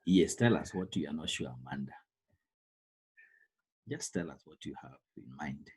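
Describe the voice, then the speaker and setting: Kenyan man, biology teacher online, low husky voice, repeats and stresses terms. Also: animated, normal speed, a little mellow, low-quality recording. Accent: Kenyan English. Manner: repeats words, stresses key terms, calls on students by name. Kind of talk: online class lecture. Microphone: computer microphone on a call.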